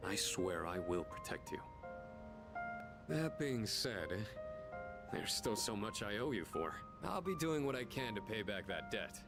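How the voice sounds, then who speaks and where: Low, earnest young anime boxer. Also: male voice, big pitch swings, measured pace. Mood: determined. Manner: resolute, plain-spoken. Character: earnest, determined teenage boxer in anime game. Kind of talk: dubbed anime game dialogue. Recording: loud music over the dialogue.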